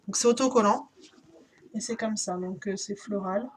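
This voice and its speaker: A woman's voice: mid-range voice, moderate pace, slightly rough. A woman chatting casually through a shopping haul, hesitant and full of fillers. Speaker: YouTuber.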